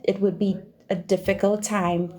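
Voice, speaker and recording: Her voice is medium-pitched and warm, with a flat delivery and a moderate pace. A woman from Trinidad and Tobago with a Trinidadian accent, she's a doctoral researcher and university teacher guesting on a podcast, answering questions conversationally and repeating phrases for emphasis.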